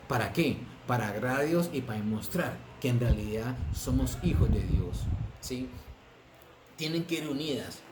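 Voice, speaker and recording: A man's voice: mid-range voice, a little mellow. A man preaching a sermon as pastor, drawing words out for stress and asking the congregation rhetorical questions. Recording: echoey room with noise.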